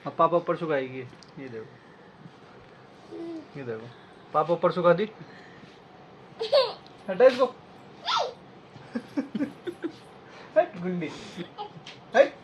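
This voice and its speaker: राजस्थानी लहजे में बोलने वाला एक आदमी, जो फ़ोन कैमरे पर घर और सैर के दौरान अपने बच्चों के बारे में मज़ेदार, बातूनी अंदाज़ में व्लॉग कर रहा है।. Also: male voice, fairly high pitch, animated, takes it slowly, long pauses, a little hiss or hum. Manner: chatty, playful, talks to kids and viewers. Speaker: family vlogger and father. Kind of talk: casual vlog narration. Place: home, indoors; later outdoors on a walk.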